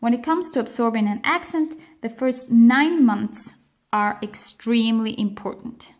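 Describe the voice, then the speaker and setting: In an explainer video lesson, a language educator with a slightly high voice speaks English with a Swiss German accent; her first languages are Spanish and Swiss German, and she grew up on the other side of the globe. She teaches slowly and carefully, pausing often and stressing key words.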